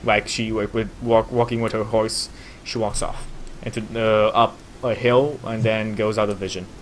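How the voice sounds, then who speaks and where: A man narrating a tabletop game as game master, in a halting, improvised way. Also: fairly low pitch, level tone, rough recording. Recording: faint background noise.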